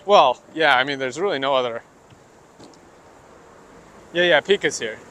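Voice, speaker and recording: A man's voice: mid-range voice, expressive, pushed and bright. Guy livestreaming on a city walk, jokey slangy chat, bit of traffic noise behind. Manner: jokey, quick, internet slang. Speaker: livestream host. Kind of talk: casual chat while walking. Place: outdoors on city streets. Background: faint street noise.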